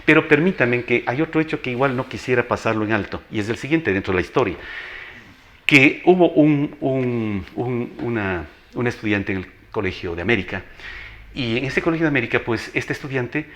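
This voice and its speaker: A man's voice: mid-range voice, a little fast, a bit bright. A man, a guest on a TV interview, telling anecdotes animatedly with frequent hesitant restarts.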